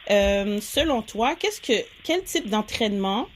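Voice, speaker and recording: A woman's voice: medium pitch, sing-song, slow pace, slight background noise. A woman, hosting an interview and asking long, hesitant questions. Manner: hesitant questions with many "euh" fillers. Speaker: host. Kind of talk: casual interview.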